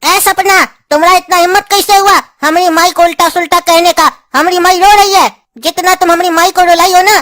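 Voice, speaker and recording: A woman plays a hotheaded young brother-in-law. His voice is very high, ranting and hurling insults. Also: fairly even intonation, fairly quick, fairly bright tone. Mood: angry.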